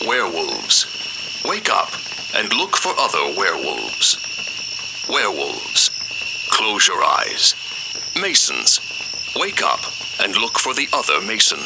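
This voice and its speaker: A commanding narrator for a night-time game played by a man gives scripted orders with drama. The voice is low and gravelly and very slow, over loud night ambience with crickets. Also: huge pitch swings, heavy background noise, exaggerated voice. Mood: commanding, solemn.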